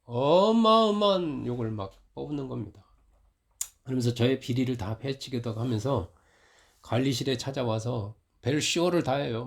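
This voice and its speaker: A middle-aged male pastor giving a conversational sermon in a church, telling a story that gets louder when he retells a quarrel. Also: mid-range voice. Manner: storytelling, rising loud when retelling conflict.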